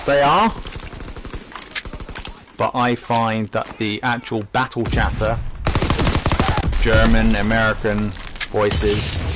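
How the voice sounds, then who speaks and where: A man's voice: on the low side, very noisy. A man commenting casually while playing a game on a live stream, rambling and chatty with many fillers. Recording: game gunfire audible behind voice.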